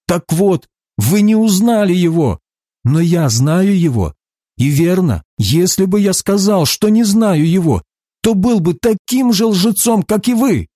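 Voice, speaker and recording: An earnest male teacher speaking with solemn emphasis, as a reader voices him. The voice sits fairly high and moves a lot in pitch, with a dry, close sound. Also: big pitch swings, takes it slowly, mellow, dry recording, heavily acted.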